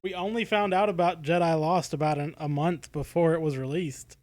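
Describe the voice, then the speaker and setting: Fairly high in pitch yet darkish in tone, his steady voice runs a little fast. He's an American man co-hosting a podcast casually, feeling out his thoughts through hesitant, circling phrases.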